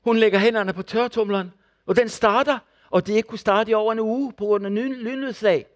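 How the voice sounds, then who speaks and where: An older man giving a sermon, his voice sitting a little high for a man. He tells testimony stories with energy and acts out what each person in them says. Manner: animated storyteller acting out the people in his stories. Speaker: preacher and former missionary.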